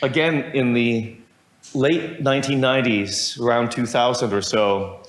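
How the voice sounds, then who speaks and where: A man's voice: medium pitch, steady tone, a little slow. A middle-aged man giving a university lecture, wandering through asides with wry humor and frequent self-corrections. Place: lecture hall. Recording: roomy lecture hall sound.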